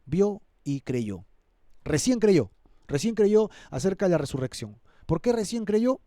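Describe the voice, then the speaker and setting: A man's voice: high voice, very animated, a little slow, warm tone, dry recording, studio quality. A male pastor preaching an expository sermon, dramatizing the scripture and earnestly appealing to his listeners. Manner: dramatizes the scripture, acting out characters' voices.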